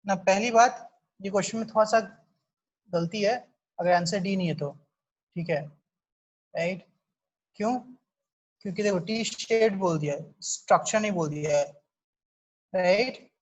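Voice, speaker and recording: A woman with a medium-pitched voice teaches an online chemistry class at a moderate pace, pausing often. She explains step by step in a mix of Hindi and English, frequently checking in with her students.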